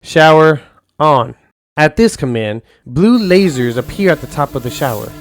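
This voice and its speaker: A man narrating a first-person audio story in a calm, soft-spoken way. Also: medium pitch, normal speed, no room sound, studio quality.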